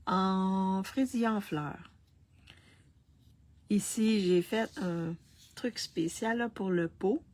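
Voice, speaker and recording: A woman, hosting a live card-making demonstration, talking slowly with many restarts and coughing through a frog in her throat. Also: medium pitch, a little mellow, slightly rough. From Canada. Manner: slow, halting, with many restarts and fillers. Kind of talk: casual live craft demonstration.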